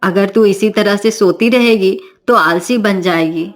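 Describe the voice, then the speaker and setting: A strict middle-aged mother-in-law from a cartoon story, scolding and commanding, played by a woman who drops her voice low. Her lines come in firm, lecturing runs. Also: measured pace, natural voice.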